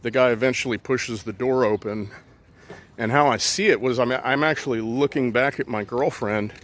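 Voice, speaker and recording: A man's voice: medium pitch, moderate pace, a bit bright, a little hiss or hum. A man casually telling a personal story outdoors, rambling and profane with many fillers.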